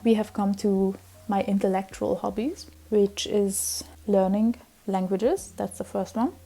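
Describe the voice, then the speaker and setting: A young female vlogger in her twenties, a native Hungarian speaker, chats casually on her vlog, rambling with lots of fillers and restarts. Her mid-range voice is steady, gravelly and warm, at a measured pace.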